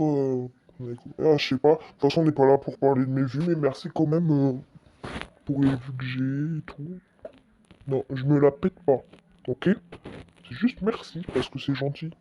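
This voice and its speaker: A man's voice: mid-range voice, dark tone. A man giving casual commentary over a screen recording, chatty and stammering a little as he goes. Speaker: channel host. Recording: dull lo-fi dry mic.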